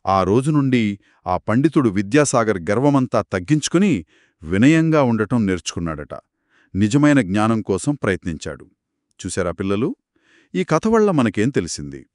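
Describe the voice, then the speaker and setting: A man narrating a children's folk tale as a back-and-forth conversation, telling it with expressive, dramatic delivery. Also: fairly low pitch, moderate pace, no echo, studio quality. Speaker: storyteller. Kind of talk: children's story told as a two-voice conversation.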